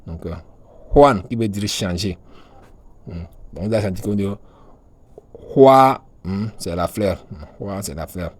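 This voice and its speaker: A man giving a calm, hesitant pronunciation lesson, with many fillers and hums between words. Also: sits low, normal speed, breathy edge, no echo. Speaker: language teacher.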